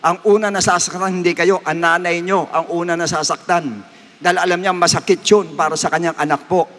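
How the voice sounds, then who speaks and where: High-voiced preacher in an echoing hall. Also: male voice, fairly even intonation, brisk, a bit bright. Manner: emotional, rising to emphatic high pitch. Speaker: pastor. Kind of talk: sermon. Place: church worship service. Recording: long echo of a church hall.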